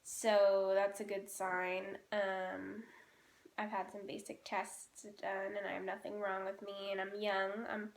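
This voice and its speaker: A woman's voice: medium pitch, monotone, unhurried. A woman in her twenties chatting casually and teasingly in a home vlog. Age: 20s. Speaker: vlogger. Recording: echoey room.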